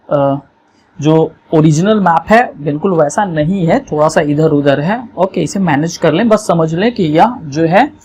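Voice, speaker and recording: A teacher, giving an exam revision lesson over a map, explaining slowly and often checking that students follow. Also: mid-range voice, a little mellow, slight background noise.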